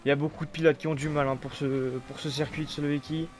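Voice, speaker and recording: A man's voice: a little high, little pitch movement, fast talker. A man giving casual live motorsport commentary, calling each overtake as it happens. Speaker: esports motor racing commentator. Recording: clear background noise, vehicle sounds.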